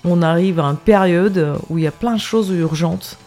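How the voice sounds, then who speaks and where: A woman's voice: lowish voice, moderate pace, mellow, soft background music. A half Russian, half French woman who sings, a guest on a radio chat, explaining things patiently with many hesitations. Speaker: singer, show guest. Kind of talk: casual radio interview. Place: radio studio.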